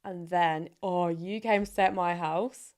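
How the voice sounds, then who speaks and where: A woman's voice: fairly low pitch, fairly even intonation, unhurried, a little mellow. A young woman, co-hosting a casual podcast chat and telling stories with frequent laughter. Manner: chatty storyteller, laughing often. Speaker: podcast co-host.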